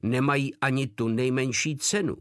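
A man's voice: medium pitch, smooth, no echo, studio quality, pitched above the performer's own voice, close to an everyday voice. A man voicing a cocky male veteran soldier who makes crude threats. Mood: threatening.

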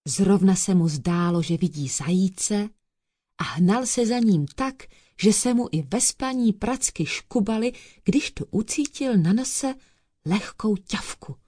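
A woman's voice: mid-range voice, lively intonation, warm tone, slightly rough, no room sound, clean studio sound. Woman reading a fairy tale to children. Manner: addresses listeners as children. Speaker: storyteller.

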